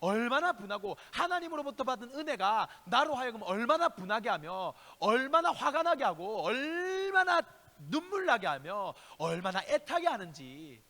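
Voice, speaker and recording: High-voiced impassioned male preacher. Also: sing-song, moderate pace, long reverb tail. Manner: impassioned preaching, shifting between loud exhortation and hushed asides; speaks directly to listeners with rhetorical questions. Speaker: youth pastor. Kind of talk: youth sermon. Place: church sanctuary.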